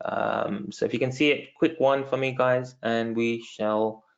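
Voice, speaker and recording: His mid-range voice is gravelly, with fairly even intonation and a measured pace, and the recording has its highs cut off. He's a London man with a London accent running a live webinar sales training on online marketing, casual and filler-heavy, talking to his audience as "guys."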